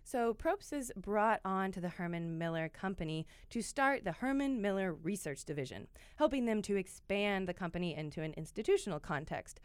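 A woman's voice: mid-range voice, expressive, normal speed, few pauses, clear, resonant tone, dry recording. Upbeat woman podcast host. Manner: upbeat, conversational, with fillers like "like" and "uh". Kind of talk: scripted narration with casual asides.

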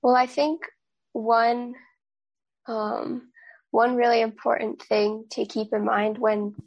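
A high school student on a radio panel, explaining her view carefully with many fillers. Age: teens.

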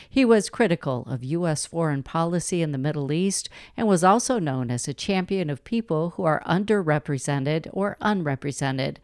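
Low-voiced American woman reading a solemn obituary. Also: darkish tone, clean tone, dry recording, clean studio sound. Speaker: radio news reporter. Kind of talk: scripted news obituary narration.

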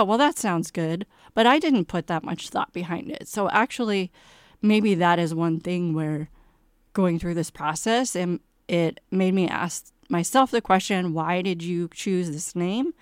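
A woman's voice: on the low side, a little slow, clean tone, dry recording, clean studio sound. A woman playwright being interviewed about her work, speaking candidly with a self-deprecating, wry humor. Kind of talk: interview conversation.

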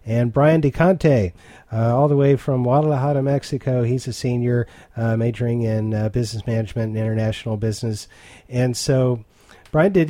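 Male host, relaxed and explanatory, mellow timbre, close dry studio mic. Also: mid-range voice, no room sound. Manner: conversational, explains terms for listeners. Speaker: radio host. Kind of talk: interview.

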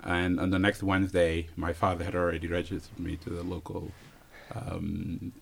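A man in his thirties from Senegal, answering interview questions in an easygoing way, pausing with fillers and chuckling often. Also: low-pitched, monotone, creaky, slight background noise. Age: 30s. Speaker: interview guest, physicist.

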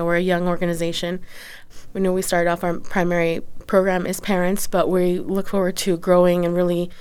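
Woman, slightly low pitch, clean resonant voice, interview guest, earnest explaining. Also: darkish tone, clean tone. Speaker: nonprofit executive director, interview guest.

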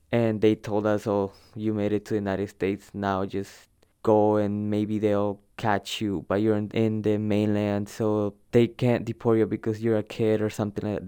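Recounting his own migration, a young Salvadoran man whose first language is Spanish speaks in a fairly low, clear, smooth voice with a warm tone. The personal narrative is informal and conversational, a bit hesitant, and he tends to repeat a word twice for emphasis.

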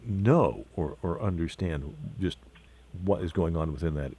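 A man's voice: sits low, a little slow, warm tone, husky. A man interviewing an author on the radio, stumbling and repeating words as he asks his questions.

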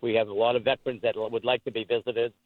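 A man's voice: medium pitch, level tone, no echo. Man calling in over a tinny phone line. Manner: rambling, many pauses and fillers. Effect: heard over the phone. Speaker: call-in caller.

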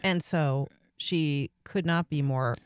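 A radio host speaks close to the mic in a dry studio. The host affirms callers briskly and keeps the conversation moving, in a mid-pitched voice. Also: clear, resonant tone, no room sound. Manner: affirming, brisk, moves the talk along. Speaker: radio talk show host. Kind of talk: radio talk show hosting.

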